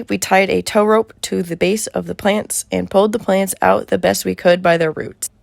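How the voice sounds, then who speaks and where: A woman's voice: fairly low pitch, vocal fry, no room sound. A woman in her early twenties narrating a casual vlog voiceover in a conversational, wry way, close to the mic. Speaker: vlogger.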